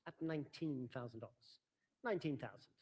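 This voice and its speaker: A man's voice: mid-range voice, a little fast, a little mellow, slightly rough. A man working as an auctioneer, formally and courteously announcing lots and calling out bids at a live sale.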